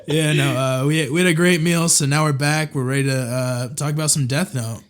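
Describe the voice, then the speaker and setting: A man's voice: fairly high pitch, fairly even intonation, brisk. Easygoing male podcast guest. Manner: easygoing, lots of "you know" and "like" fillers. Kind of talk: casual podcast chat.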